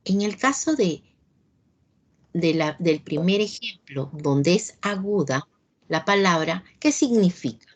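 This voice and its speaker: A woman's voice: lowish voice, expressive, slow. A woman teacher leading an online class, patiently asking her students questions over a video call.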